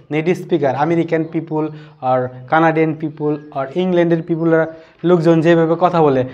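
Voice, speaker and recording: Guy teaching english letters, kinda high voice, repeats stuff slow. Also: a little mellow, highs cut off. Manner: repeats each letter slowly for the viewer; mixes English words into Bengali. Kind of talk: spoken English lesson.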